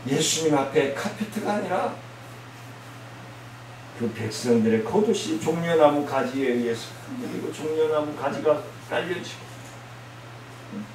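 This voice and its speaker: A male pastor preaching a sermon, blunt and scolding, with loud emphatic outbursts. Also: fairly high pitch, lively intonation, moderate pace, long pauses. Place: church sanctuary. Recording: very echoey church hall, mic from a distance, faint hiss.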